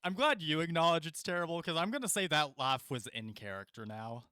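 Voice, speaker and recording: A man's voice: fairly high pitch, animated, fairly quick, pushed and bright, clean tone, no room sound, clean studio sound. A man narrating a tabletop game as game master, chatty, with frequent laughs and fillers.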